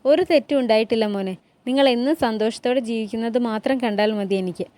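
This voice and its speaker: A woman voicing a dignified older queen mother in a palace drama recap, reading her lines in a warm, motherly way. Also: on the high side, brisk, lightly acted. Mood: kindly.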